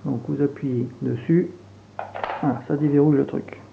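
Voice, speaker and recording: A man with a Franche-Comté French accent talks through an unboxing in a relaxed, halting way, pausing often on fillers as he handles the gear. His voice sits at an ordinary middle pitch. The sound is thin and phone-like, with a faint hiss underneath. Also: creaky. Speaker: airsoft reviewer. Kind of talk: casual product unboxing and demo.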